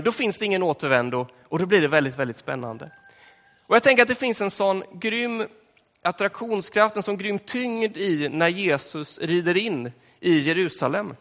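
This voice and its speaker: A man preaching a sermon in a church, telling the story in a relaxed, conversational way with frequent fillers. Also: high voice. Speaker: pastor. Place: church hall. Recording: long hall reverb in church.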